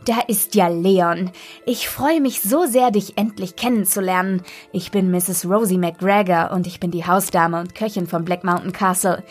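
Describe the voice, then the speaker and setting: A woman voicing a warm, welcoming housekeeper and cook at a castle school, friendly and cheerful, reading a storybook aloud. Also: fairly low pitch, normal speed, soft background music, lightly acted.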